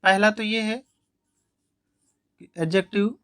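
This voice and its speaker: A man's voice: sits high, fairly even intonation, slow, a bit bright, clear, resonant tone, no echo, clean studio sound. Hindi-speaking man teaching English grammar. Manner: explaining step by step, repeats key points. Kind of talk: classroom grammar lesson.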